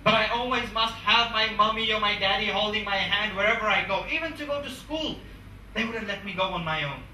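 Students hear a repetitive, emphatic motivational speech from a young man from England, who speaks into a handheld mic in a big conference room. His high voice is brisk and sharp, and a far-off camera records it in an echoey room with slight background noise.

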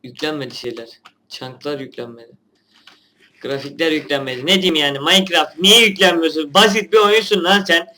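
A man's voice: on the high side, fairly quick, pushed and bright, slight background noise. Young man grumbling through gameplay. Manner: chatty, grumbling at the game, swears offhandedly. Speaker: gaming channel host. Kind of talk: casual gameplay commentary.

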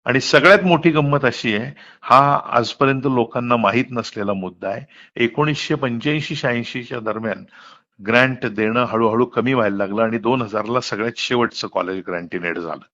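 Captured from a phone call, the recording is muffled as a middle-aged man speaks openly about politics. He uses a mid-range, fairly bright voice at a normal speed, stressing his explanations and leaning on rhetorical questions.

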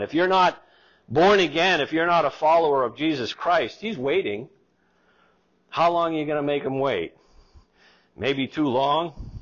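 A man's voice: a little high, a bit bright. A middle-aged man preaching a sermon as pastor in a church sanctuary, reading scripture aloud with rising emphasis. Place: church sanctuary, in front of a wooden pulpit. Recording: slightly dull, lo-fi church recording.

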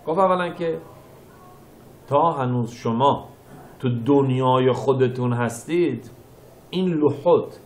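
A man giving a sermon as a rabbi, reading verses and explaining them phrase by phrase, moving between quiet explanation and loud emphatic bursts. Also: mid-range voice, echoey room. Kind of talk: sermon teaching scripture.

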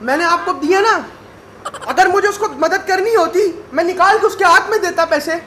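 A man plays a customer who argues at a shop counter, insisting he is owed his money and refusing to let it go. His voice is on the high side and comes from away from the mic. The shop around him is noisy. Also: normal speed, sharp tone. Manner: protesting, indignant, insistent. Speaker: pranked customer. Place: small shop.

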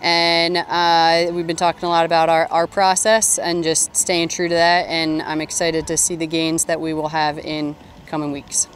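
A woman coach talks into a handheld mic beside a sports field after a game. Her voice sits low and stays fairly level. Faint noise hangs in the air around her. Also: flat delivery. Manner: measured, upbeat, with frequent ums. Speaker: head coach. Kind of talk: postgame interview. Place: outdoor stadium by a sports field. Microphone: handheld interview mic held in front.

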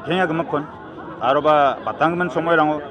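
A political candidate, a middle-aged man with a Northeast Indian accent, speaks quickly in a fairly high voice during an argumentative press interview, stressing his points and switching into English at times. Close-held handheld news mics pick him up at an outdoor evening gathering, where crowd noise rises behind him.

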